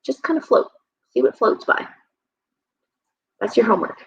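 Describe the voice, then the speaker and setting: A woman in her thirties, a health and nutrition coach talking as a guest in a relaxed interview, reflective and rambling with frequent ums. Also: mid-range voice, normal speed, slightly rough. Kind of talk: casual conversational interview. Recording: slightly dull, lo-fi sound.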